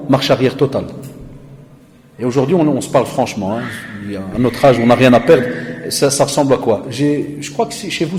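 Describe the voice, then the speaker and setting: A man giving a lively, conversational sermon full of acted-out dialogue. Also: mid-range voice, big-room sound, slight background noise. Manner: animated, conversational, dialogue-acting. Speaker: preacher, lecturer.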